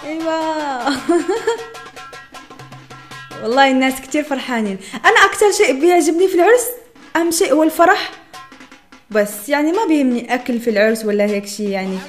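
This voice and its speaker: A young Moroccan woman hosts a reaction video, chatting away in casual commentary, laughing often and exclaiming in wonder. She speaks very fast in a high-pitched voice with lively intonation, with faint music audible in the background.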